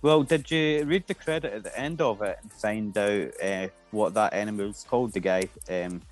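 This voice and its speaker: A male co-host with a fairly low voice, thinking out loud on a casual podcast. He pauses and restarts as he works through his ideas, with faint music in the background. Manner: hesitant, lots of um and restarts while musing. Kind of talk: casual pop-culture podcast chat.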